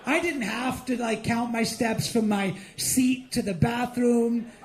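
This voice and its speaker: A man with a very high voice performs animated stand-up before a live audience. He is middle-aged and grew up in India. His manner is mocking and playful. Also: slow pace, slight background noise. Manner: animated, mocking, with lively acted-out asides. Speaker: stand-up comedian and host. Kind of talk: stand-up comedy set.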